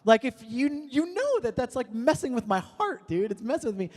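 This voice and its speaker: At a youth prayer service, a man in his twenties preaches in a relaxed, jokey storytelling style full of fillers. His voice is extremely high and sing-song, a little mellow, at a moderate pace. The church hall adds a long reverb.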